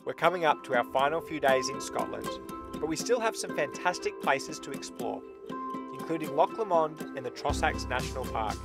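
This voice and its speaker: A man's voice: fairly high pitch, expressive, normal speed, gravelly. A man giving upbeat, scripted voice-over narration for a road-trip travel vlog. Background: music.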